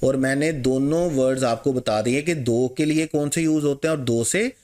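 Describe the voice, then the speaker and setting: A man's voice: medium pitch, moderate pace, a little mellow. A man teaching an exam-prep lesson. He poses questions to the class, answers them himself and mixes English terms into his Urdu.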